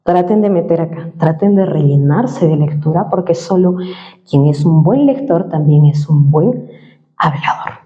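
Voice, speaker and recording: With a deep voice, lively intonation, and a measured pace, a woman from the voice-over and dubbing world explains vocal exercises in an interview, often tagging her points with a question. Her voice-training advice comes through a roomy, slightly dull recording.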